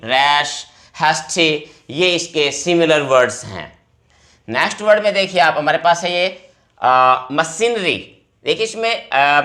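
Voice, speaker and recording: A male teacher explaining vocabulary words to exam students, repeating each word slowly. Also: a little high, fairly bright tone.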